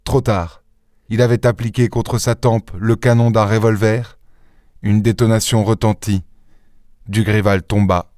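A man narrating an audiobook in a measured, even storytelling manner. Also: fairly low pitch, dry recording, studio quality. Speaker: audiobook reader. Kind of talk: scripted narration.

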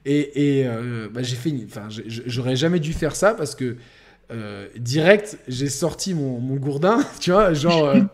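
A young man co-hosting a podcast, telling a crude story in a rambling, animated way with lots of fillers. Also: mid-range voice, unhurried. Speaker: podcast co-host. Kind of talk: casual storytelling chat.

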